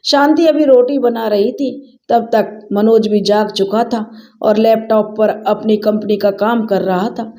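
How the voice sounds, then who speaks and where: A woman telling a family drama story in steady, dramatic narration. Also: on the high side, unhurried.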